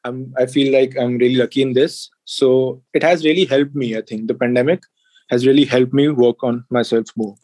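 Guy in his 20s, north indian accent, mid pitch, chatting casually, flips between hindi and english. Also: fairly even intonation, normal speed, darkish tone, no echo. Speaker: interview guest, music producer and sound engineer. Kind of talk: casual interview chat.

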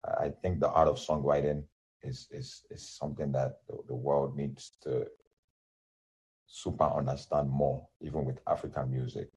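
In a casual interview, an independent musician in his thirties whose first language is Yoruba talks loosely, rambling with many restarts and fillers. His voice is a low rumble, slightly rough and a little mellow, with little pitch movement and a normal pace.

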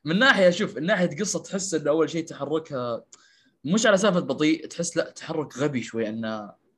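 A man's voice: on the high side, fast talker, slightly rough. A man, co-hosting a casual gaming podcast, ranting with laughs. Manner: animated, laughs while ranting. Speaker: podcast co-host.

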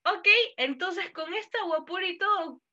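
Bright, playful podcast woman. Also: extremely high pitch, moderate pace, muffled recording. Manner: playful, acts out listeners' voices. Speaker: podcast co-host. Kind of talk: casual podcast chat.

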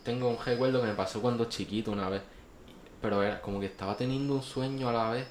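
A man's voice: mid-range voice, steady tone, fast. A young man, a podcast guest telling a childhood dream in a rambling way. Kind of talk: casual chat. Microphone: distant from mic. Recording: echoey room, faint background noise.

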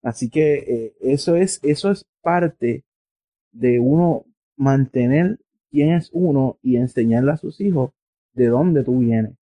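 A man's voice: medium pitch, slow pace, warm tone, no room sound. A man from Puerto Rico with a Puerto Rican Spanish accent, an interview guest talking in a casual, earnest, explanatory way and thinking aloud. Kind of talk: casual conversation. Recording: dry, slightly muffled recording.

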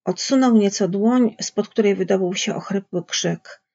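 A woman reading literary prose aloud in a measured storytelling manner, with a husky voice. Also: medium pitch, darkish tone. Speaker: audiobook reader. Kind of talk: literary narration. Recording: dull lo-fi recording.

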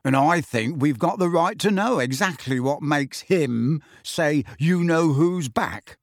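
A skeptical teenage boy who presses his challenge slowly and dismissively, as a male reader plays him. The delivery is deliberate and dry, like a storybook read. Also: a little high, expressive, no echo. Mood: aggressive.

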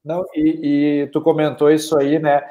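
A man's voice: on the high side, completely flat delivery, moderate pace, narrow, tinny audio. A man, chatting casually as an online business consultant and telling stories with acted-out quotes. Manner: storytelling with acted quotes, frequent "né". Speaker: e-commerce consultant. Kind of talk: casual chat.

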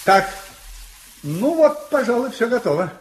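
An actor playing a brilliant, theatrical detective in a radio play, courteous and commanding with a teasing superiority. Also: male voice, extremely high pitch, big pitch swings, unhurried, breathy edge, heavily acted. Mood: brisk, amused.

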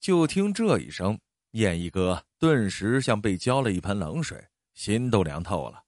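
A man narrating a traditional tale with dramatic rises and falls. His pitch moves a great deal and stays lively. The recording is dry and close, with no room sound. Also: unhurried, dry recording. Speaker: storyteller. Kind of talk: storytelling narration.

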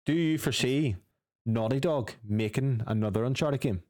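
A man's voice: mid-range voice, normal speed, darkish tone, no room sound, studio quality. A man co-hosting a gaming podcast who chats casually, gives strong opinions, swears freely and reads out news items. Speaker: podcast co-host.

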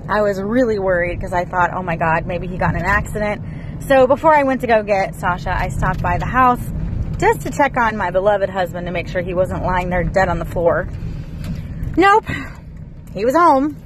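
A woman's voice: mid-range voice, expressive, moderate pace. A woman in her thirties chatting casually to her viewers in an exasperated, venting way, recording from a car. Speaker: vlogger. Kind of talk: casual vlog chat. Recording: car and street noise behind.

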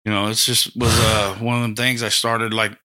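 A man's voice: lowish voice, little pitch movement, normal speed, bright, forceful tone. A middle-aged man telling stories casually, rambling and swearing heavily with lots of slang. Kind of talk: casual storytelling chat.

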